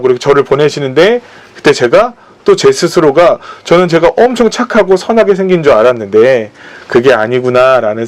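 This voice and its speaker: A man preaching a sermon at a church service, telling personal stories and acting out the voices of the people in them. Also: medium pitch. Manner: storytelling, acting out quoted voices. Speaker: pastor.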